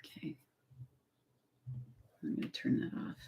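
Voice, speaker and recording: A woman's voice: measured pace, darkish tone, a little hiss or hum. A woman hosting a casual spiritual livestream, talking in a rambling way, correcting herself and laughing as she goes. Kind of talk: casual live-stream talk.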